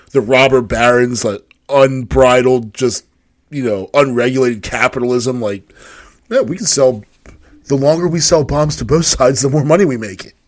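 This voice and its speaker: A man with an average-pitched voice trades jokes in relaxed podcast banter. He quotes cartoons, laughs readily, and keeps his delivery loose and conversational throughout. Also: no echo, clean studio sound. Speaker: podcast co-host. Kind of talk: casual podcast chat.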